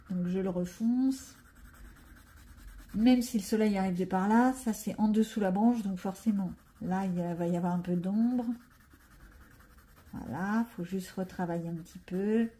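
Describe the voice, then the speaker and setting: A woman's voice: medium pitch, unhurried, pauses often, dark tone. A woman with a French accent chatting casually as she colors, thinking aloud and poking fun at herself while explaining each step. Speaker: coloring vlogger. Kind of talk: casual narrated tutorial.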